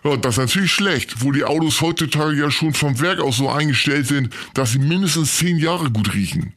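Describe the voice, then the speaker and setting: A man's voice: fairly high pitch, animated, brisk, fairly bright tone. A man hosting a scripted comedy sketch, playing a teasing, exasperated straight man.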